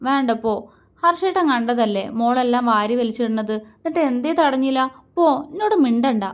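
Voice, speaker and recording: A woman's voice: a little high, normal speed, a little mellow, close to an everyday voice. A woman storyteller voicing a shy young wife who sulks and pleads coyly with her husband. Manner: whiny, coy pleading.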